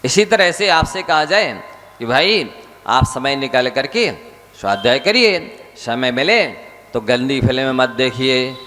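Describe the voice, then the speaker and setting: A man's voice: medium pitch, very animated, unhurried, bright, forceful tone, a little hiss or hum. A male Jain monk delivering a sermon, urging his listeners and asking them rhetorical questions. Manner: exhorting, rhetorical questions to audience. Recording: hall reverb with faint ambience.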